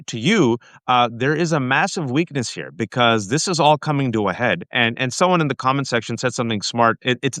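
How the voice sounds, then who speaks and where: A man's voice: fairly low pitch, pushed and bright, no room sound. A male host of a political talk show, speaking emphatically with stammering restarts and repeated lists.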